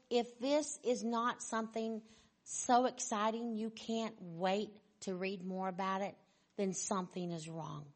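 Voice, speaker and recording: A woman leading a Bible study, reading quotes aloud and urging listeners in an earnest, deliberate way. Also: mid-range voice.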